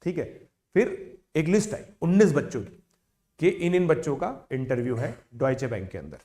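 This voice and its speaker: A man in his thirties, an educator, tells a motivational story to online students in a casual, animated way. He mixes English words into his Hindi and checks in with listeners again and again. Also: fairly high pitch, normal speed. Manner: chatty, animated, with frequent "theek hai" check-ins.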